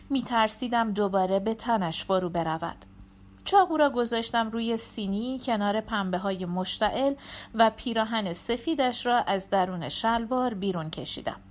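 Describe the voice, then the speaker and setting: A woman narrating a novel as an audiobook in a steady, measured reading. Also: medium pitch.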